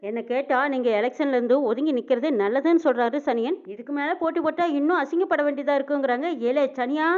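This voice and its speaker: A woman rattles through a serial's story at a fast clip. Her voice sits high, and she slips into the characters' dialect lines. The audio is slightly dull and lo-fi. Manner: quick animated retelling in village dialect. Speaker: serial recap narrator.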